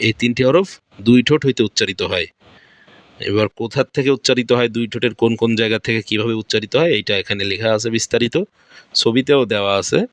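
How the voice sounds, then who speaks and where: Quick and fairly bright in a mid-range voice, a Bangladeshi Bengali-accented man walks through Quran recitation pronunciation step by step. He goes over every point again and poses questions he answers himself; there's no echo.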